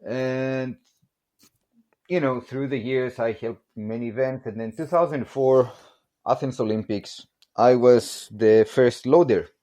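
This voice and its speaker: A Greek man in his forties, a production manager at a barbell company, tells stories as a guest on a casual podcast in a Greek accent. His mellow, medium-pitched voice moves a little slowly, and he jokes, laughs a lot, and keeps saying "you know."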